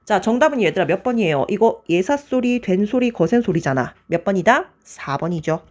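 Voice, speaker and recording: Brisk woman teaching a grammar lecture. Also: medium pitch, expressive, a little mellow. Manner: brisk, keeps checking with students with "맞지?" and "자,". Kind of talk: online exam-prep lecture.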